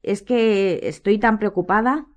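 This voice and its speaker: A woman's voice: medium pitch, quick pace, lo-fi sound, lightly acted. A woman voicing a distraught middle-aged mother witch, crying and stammering through sobs in an audiobook. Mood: tearful. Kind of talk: audiobook character voice.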